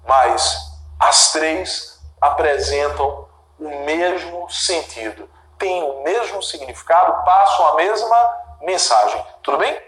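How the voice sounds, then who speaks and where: A man's voice: a little high, expressive, slow pace, fairly bright tone, roomy sound, low-quality recording. A man with a Brazilian Portuguese accent teaching grammar in a video lesson, talking to viewers and repeating key terms.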